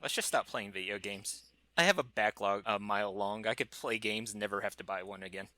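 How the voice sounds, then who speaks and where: Casual podcast co-host, male, lowish voice with a crisp bright edge. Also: a little fast, dry recording. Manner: rambling, self-correcting gamer talk. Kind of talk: casual chat.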